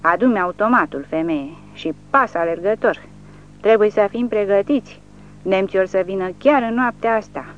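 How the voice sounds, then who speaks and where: A reader voicing a drunk, bullying man who is a Soviet village official, shouting insults in an audiobook. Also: high voice, highs cut off, a little hiss or hum, voice pushed up. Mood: ranting.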